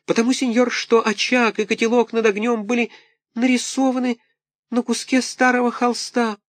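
A tiny wooden puppet boy from a storybook, squeaking far above a normal voice. He whimpers and pleads in a thin, tearful tone. The recording is close and dry. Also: flat delivery, moderate pace, no room sound. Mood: earnest explaining.

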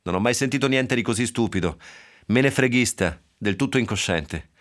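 A man reading aloud, voicing an angry young father who scolds in a bitter, forceful tone. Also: mid-range voice, lively intonation, moderate pace, voice pushed up, lightly acted. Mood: scolding.

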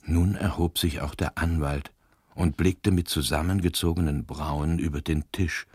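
Deep slow male story reader. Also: steady tone, a little mellow, slightly rough, no echo, clean studio sound. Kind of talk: scripted narration of a detective story. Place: radio studio.

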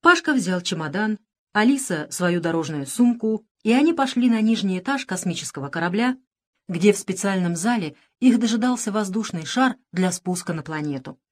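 A woman narrating a children's story in a lively, expressive way. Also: medium pitch, normal speed. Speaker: audiobook reader.

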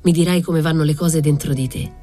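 A woman's voice: deep voice, steady tone, a little fast, loud music behind the voice, lightly acted. A woman voicing an effusive, sentimental nobleman of sixty in a read-aloud novel. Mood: coaxing. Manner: effusive, quotes scripture.

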